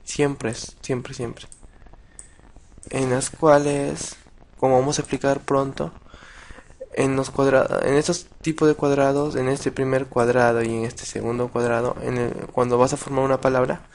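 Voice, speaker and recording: A man teaching a casual video lesson, patient and halting, with many restarts and repeated words. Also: medium pitch, flat delivery, darkish tone. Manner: patient, addresses viewers directly. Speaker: language teacher.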